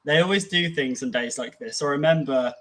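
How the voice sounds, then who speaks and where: A man's voice: fairly high pitch, a little fast, a bit bright. Easygoing male podcast co-host. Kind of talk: casual conversational podcast chat.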